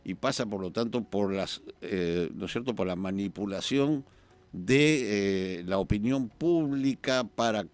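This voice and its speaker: Fairly low-pitched and expressive, this male journalist from Peru is a guest on a political debate program. His delivery is measured and unhurried as he thinks out loud between pauses and filler words.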